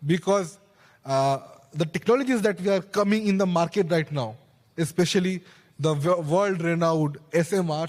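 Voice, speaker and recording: A man's voice: sits high, a little mellow. Young man on a conference stage mic. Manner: earnest, explanatory, with restarts and asides. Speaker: panel speaker. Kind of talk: conference panel talk. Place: large conference stage hall. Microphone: handheld mic. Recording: long hall reverb.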